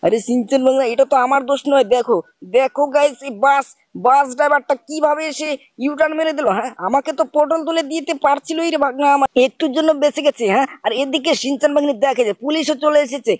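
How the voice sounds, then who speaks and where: Gamer guy, quick high chatter, nagging uncle bit, dry close mic. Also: steady tone, no room sound. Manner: scolding, repeats "bujhchhis?". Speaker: gaming channel host. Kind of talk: playful commentary over gameplay, playing the uncle.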